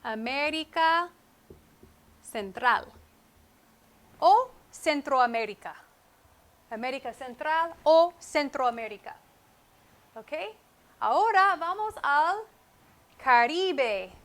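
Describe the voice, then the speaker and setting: A woman teaches a Spanish lesson on a wireless mic. Her voice sits high and bright. She talks very slowly and repeats each key word with care. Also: lively intonation. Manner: slow, deliberate, repeats key words with English glosses. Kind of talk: comprehensible-input lesson. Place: at a whiteboard. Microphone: wireless microphone.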